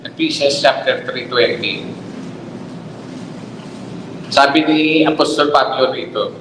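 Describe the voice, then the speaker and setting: A man's voice: mid-range voice, slow pace. A man preaching a sermon, exhorting his listeners with rhetorical questions. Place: church hall. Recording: echoey hall, faint noise.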